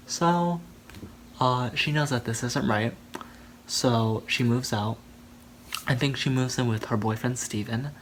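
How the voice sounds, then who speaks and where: A man in a casual movie recap rambles through the plot with many fillers. His voice is mid-pitched, with faint noise behind it. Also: a bit bright, low-quality recording. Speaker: movie reviewer vlogger.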